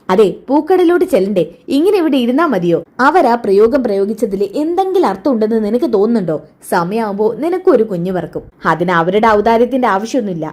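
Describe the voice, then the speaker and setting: A woman retelling a TV serial episode in a lively way, switching quickly between all the characters' lines. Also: fairly high pitch. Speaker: serial recap narrator.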